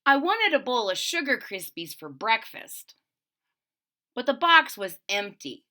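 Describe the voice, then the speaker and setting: A storybook reader shares a picture book with children, expressive and chatty, tossing in friendly asides between pages. Her voice is a little high and unhurried.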